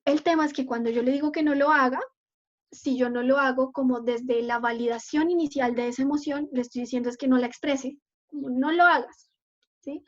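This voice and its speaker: A high-pitched woman speaks as a psychologist in a live online session, taking questions from the chat. She explains things patiently and keeps checking that her listeners follow. The sound is muffled, like audio from a video call. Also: fairly even intonation, fairly quick.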